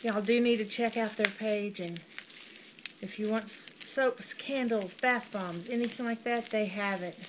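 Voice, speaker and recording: A middle-aged woman, chatting warmly through an unboxing, gushing over each item and calling viewers y'all. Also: mid-range voice, fairly even intonation, unhurried. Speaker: vlogger unboxing a mail order. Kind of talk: casual unboxing chat. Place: home. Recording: noisy home recording with crinkling packaging.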